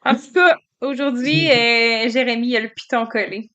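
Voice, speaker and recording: Young woman, Québécois accent, slightly high voice, chatty, enthusiastic, podcast co-host. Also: normal speed, a bit bright. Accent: Québécois French. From Quebec, Canada. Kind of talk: casual chat.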